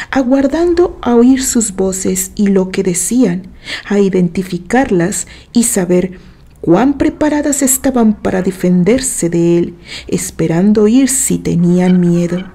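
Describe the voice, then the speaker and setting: A woman from Mexico with a Mexican accent, reading a horror novel aloud in a measured, deliberate storytelling manner. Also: mid-range voice, dark tone. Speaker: narrator.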